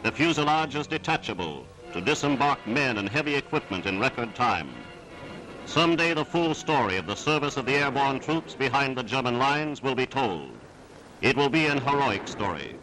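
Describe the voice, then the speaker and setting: Man, mid-pitched, old newsreel narrator, declamatory and emphatic, under loud music. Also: lively intonation, normal speed, poor audio. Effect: old newsreel recording.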